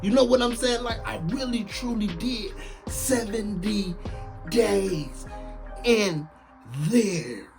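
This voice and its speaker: Over music, a late-thirties former prisoner recounts his story slowly in a high voice with vocal fry. His delivery is casual and animated, packed with slang, and he repeats lines to drive points home.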